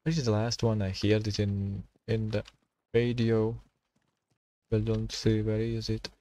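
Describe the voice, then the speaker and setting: A man streaming a survival game, talking to himself and his chat in halting, while he plays. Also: on the low side, completely flat delivery, mellow, slight background noise. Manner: halting non-native English, thinking aloud while playing. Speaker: gaming streamer. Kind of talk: casual gameplay commentary.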